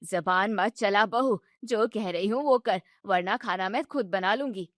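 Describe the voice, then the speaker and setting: A woman's voice: mid-range voice, measured pace, no echo, clean studio sound, close to an everyday voice. A woman voicing a bossy mother-in-law who scolds her daughter-in-law sharply. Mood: scolding.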